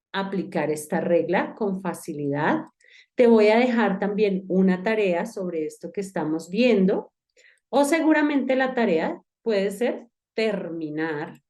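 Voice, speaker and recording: A woman gives an online English lesson, walking the student through each rule with patient repetition. Her voice is warm and mellow, and she speaks in a friendly, explanatory way straight to the listener. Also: medium pitch. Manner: patient, explanatory, addresses the student directly and repeats key steps. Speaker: English teacher.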